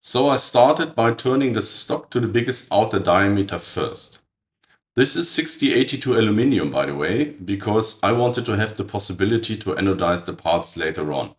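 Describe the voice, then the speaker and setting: Raspy-voiced man with a cold. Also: fairly low pitch, animated, normal speed. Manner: precise, matter-of-fact, blunt verdicts on tools. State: hoarse from a cold. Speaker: channel host. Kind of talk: scripted technical narration.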